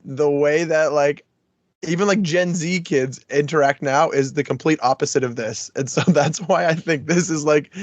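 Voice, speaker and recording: A man co-hosting a podcast in casual chat, excitable, laughing between thoughts and trailing off mid-sentence. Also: a little high, no room sound. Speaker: podcast co-host. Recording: dull, dry podcast mic.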